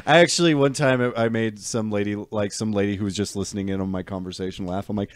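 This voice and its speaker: A man's voice: on the low side, steady tone, fast, dry recording. A man from New Mexico who hosts a wrestling podcast, chatting with dry wisecracks. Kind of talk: casual chat.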